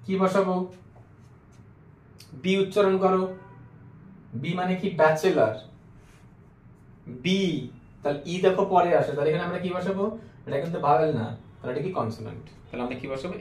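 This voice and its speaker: A man teaching an English grammar lesson who keeps asking the class questions and then answers them himself, slowing down to spell out and repeat words. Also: sits high, a little mellow, reverberant.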